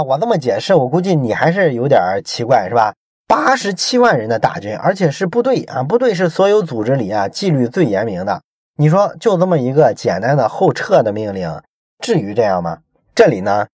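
A man's voice: medium pitch, darkish tone, breathy edge, no echo, clean studio sound. A man explaining a book in a chatty storytelling way, with many rhetorical questions to the listener. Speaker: book commentator.

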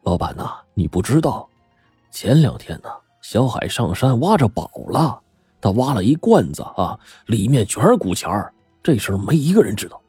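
A timid older worker, put on by a male storyteller, dropped soft and quiet and a touch low. He stammers and confides in a dark, mellow tone. The sound is husky and dry, with faint music in the back. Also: very animated, normal speed, no room sound, exaggerated voice. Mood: confiding. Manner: hushed, hesitant, stammering.

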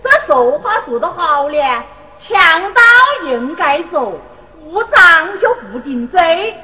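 An actress playing a defiant young village woman in Chu opera, with a Hubei accent and sharp, shouting retorts. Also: very high-pitched, expressive, slow pace, full character voice. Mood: protesting. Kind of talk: Chu opera stage acting. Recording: noisy stage recording.

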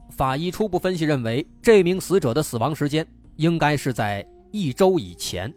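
A man narrating true crime as a storyteller, explaining step by step and posing rhetorical questions. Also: fairly high pitch. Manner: explanatory, poses rhetorical questions and reasons through them. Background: background music.

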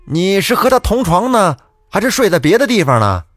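An agitated old fox demon, as a male storyteller puts him on, high and pushy, firing questions through a window. The voice sits well above the teller's own. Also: big pitch swings, a little fast, a bit bright, no room sound, clean studio sound, faint music behind, heavily acted. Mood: pressing.

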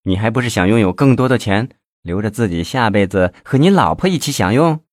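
Man voicing a coy young TV-host mistress, sharp tongue, lively pitch, storybook read. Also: no echo, studio quality, natural voice. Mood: coquettish, teasing. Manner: coquettish, scolding, quick retorts.

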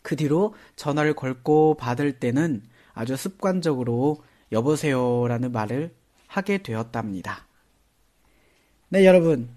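A man giving a chatty, casual lesson, often starting phrases with a soft "ne". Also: mid-range voice, expressive, a little slow. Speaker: Korean language teacher.

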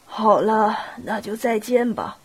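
A woman's voice: on the high side, expressive, takes it slowly, slightly rough, full character voice. A woman with a cold voicing a stern, abrupt elderly prince who gives clipped orders. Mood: gruff. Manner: curt, clipped commands, bursts into shouting. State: has a cold.

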